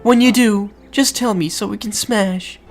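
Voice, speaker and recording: A man voicing a pushy, frustrated young woman in a shrill mock falsetto. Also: steady tone, unhurried, faint music behind. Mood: teasing.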